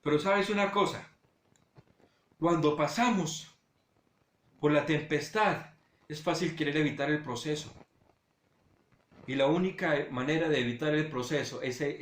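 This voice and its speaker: A male pastor giving a sermon, talking straight to his listeners and swinging between loud urging and hushed low passages. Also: reverberant. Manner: direct address to listeners.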